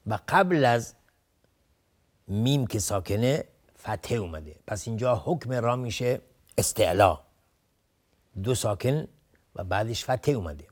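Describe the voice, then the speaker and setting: Steady, patient male recitation teacher. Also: medium pitch. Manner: recites phrases slowly, then explains rules in plain steady speech; repeats words to drill pronunciation. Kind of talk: TV lesson explaining recitation rules.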